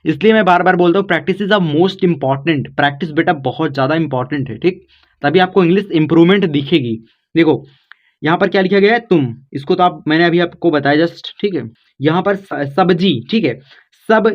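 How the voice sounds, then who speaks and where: A man's voice: sits high, highs cut off. A man teaching a spoken tutorial lesson, explaining patiently and checking in after every step. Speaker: English teacher.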